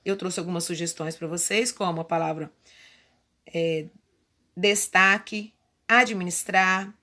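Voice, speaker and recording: A woman's voice: lowish voice, fairly even intonation, measured pace, pushed and bright. A female primary school teacher from Brazil patiently going through workbook exercises step by step in a remote lesson. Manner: patient, explains step by step with diminutives.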